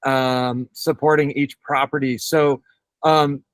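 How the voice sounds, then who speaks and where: A man from California asking a question on a video call in a friendly, measured way. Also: medium pitch, level tone, no echo. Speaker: caller.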